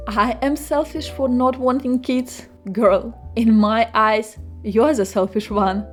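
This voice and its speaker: A woman acting as a blunt young woman in an animated short, talking in a casual, emphatic way. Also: on the high side, slow pace. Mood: defiant. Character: blunt, childfree young woman chatting with friend. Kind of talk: animated short film dialogue. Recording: music under the voice.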